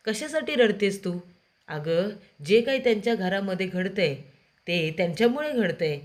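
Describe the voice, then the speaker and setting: A woman's voice: mid-range voice, natural voice. A woman narrator voicing an angry, scheming grown daughter who scolds her mother. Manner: scolding, bitter, raised voice.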